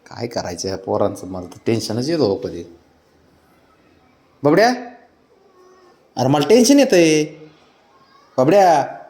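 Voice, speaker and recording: A young man talking affectionately to his cats at home, coaxing them in baby talk that soars into a high sing-song when he greets them. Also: expressive, a little slow, long pauses, mellow. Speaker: cat owner. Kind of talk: casual talk to pets.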